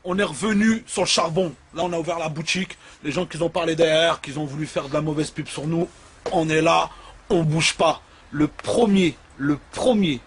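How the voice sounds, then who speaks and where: A man with a high voice hammers out crude, repetitive threats in an angry rant to the camera. He talks as one of the shop's owners. Clear background noise runs through the amateur recording. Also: moderate pace. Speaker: shop owner.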